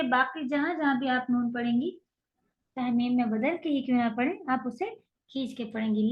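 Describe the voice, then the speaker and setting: A woman teaching a recitation class, explaining rules patiently and modeling long drawn-out sounds. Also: sits high, lo-fi sound. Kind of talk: online tajweed lecture.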